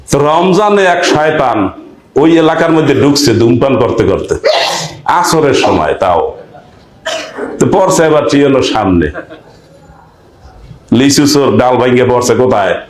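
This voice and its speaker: A man's voice: mid-range voice, expressive, measured pace, pauses often, roomy sound, rough recording. A man preaching a sermon, peppering his audience with rhetorical questions and acting out village dialogues. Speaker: preacher giving Quran commentary.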